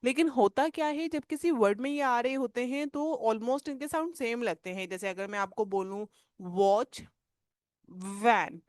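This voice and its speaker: Woman teaching phonics, slow stretched sounds. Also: on the high side, dry recording. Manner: patient, explanatory, stretches out example sounds slowly. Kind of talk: teaching phonics in mixed Hindi and English.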